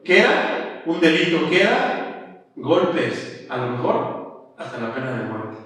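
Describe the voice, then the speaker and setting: A man's voice: a little high, sing-song, slow, a bit bright. A man with a Mexican accent preaching a sermon in a colloquial, emphatic way, often calling the listeners "brother". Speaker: pastor. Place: church. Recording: echoey church hall from far off.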